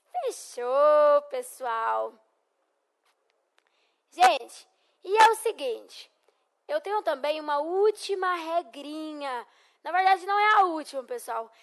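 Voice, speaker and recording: Speaking in a high voice, a young Brazilian English teacher with a Brazilian Portuguese accent records a lesson. Encouraging throughout, she repeats phrases slowly for her students to echo back.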